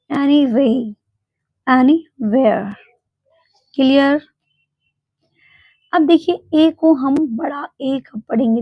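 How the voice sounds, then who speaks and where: A woman teaching English pronunciation in a spoken English lesson, explaining slowly and repeating example words. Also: high voice, no echo. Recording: dull, dry, lo-fi home recording.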